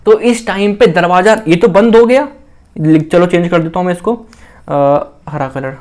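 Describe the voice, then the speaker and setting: A man with an Indian accent teaches in a relaxed lecture style, with a voice that sits a little high for a man. He repeats key phrases and keeps asking the listener questions as he explains. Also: moderate pace. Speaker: physiology teacher. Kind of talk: casual classroom lecture.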